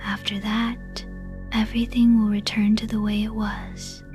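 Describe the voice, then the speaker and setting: Woman's ASMR role-play of a slow, kindly old fairy godmother. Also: medium pitch, flat delivery, darkish tone, natural voice. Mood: gentle reassurance. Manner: tender, slow, reassuring. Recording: voice under clear background music.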